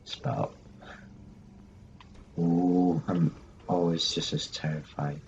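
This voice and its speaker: Slow-talking, jittery gaming host. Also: male voice, sits low, flat delivery, darkish tone, dull audio, slight background noise. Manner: jumpy, repeats phrases to himself; talks to the game characters. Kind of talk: let's-play game commentary. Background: game music.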